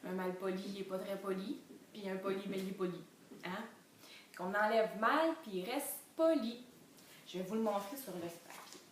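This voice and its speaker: A woman with a Quebec French accent, reading a storybook aloud to toddlers in an animated way and spelling out syllables slowly. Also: mid-range voice. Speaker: children's reading educator. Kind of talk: enriched read-aloud lesson for toddlers. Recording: very echoey room, distant mic, faint noise.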